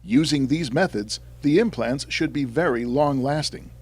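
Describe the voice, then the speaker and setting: A male narrator delivering scripted segment narration in a smooth, announcer-like way. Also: medium pitch, moderate pace, darkish tone. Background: faint music.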